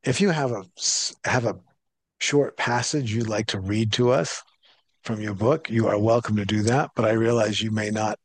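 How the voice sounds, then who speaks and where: A man's voice: on the low side, moderate pace, dry recording. A man hosting an interview who speaks in an easygoing, encouraging way. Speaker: interview host. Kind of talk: relaxed interview.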